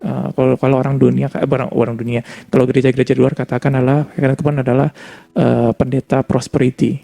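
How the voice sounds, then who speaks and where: Gravelly-voiced man preaching. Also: mid-range voice, level tone, fast talker, warm tone. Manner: conversational, mixes in English words. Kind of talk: sermon with personal testimony.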